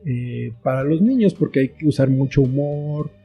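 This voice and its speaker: Interviewed as a guest, a man who writes children's books and screenplays explains his thinking reflectively through short phrases and examples. His medium-pitched voice has vocal fry and lively intonation at a moderate pace. The audio is narrow and tinny, with faint music behind.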